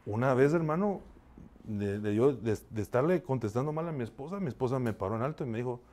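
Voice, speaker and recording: A man's voice: mid-range voice, animated, quick pace, a little mellow. A male pastor preaching a sermon in a conversational, confessional way, often turning to his listeners to ask for their agreement and a response. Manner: confessional, shares his own failings.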